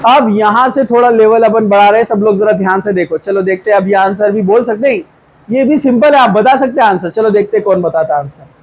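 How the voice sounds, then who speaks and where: A man's voice: high voice, brisk, a little hiss or hum, rough recording. A man teaching a chemistry class in a classroom, quizzing students repeated questions and coaxing them toward the answers. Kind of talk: classroom lecture.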